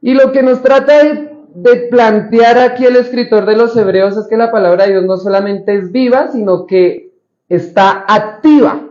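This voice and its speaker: A man's voice: high-pitched, normal speed, a little mellow. A man preaching a sermon as pastor, speaking conversationally, asking the congregation questions and acting out the lines of Bible figures. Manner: acts out the Bible figures' lines in quoted voices. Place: church hall. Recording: roomy, slightly dull church recording.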